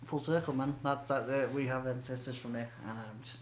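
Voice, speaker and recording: A man's voice: mid-range voice, fairly even intonation, fairly quick, roomy sound, slight background noise. A man in his thirties from England co-hosting a podcast, laid-back and casual, swearing now and then. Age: 30s. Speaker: podcast co-host. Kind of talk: casual chat.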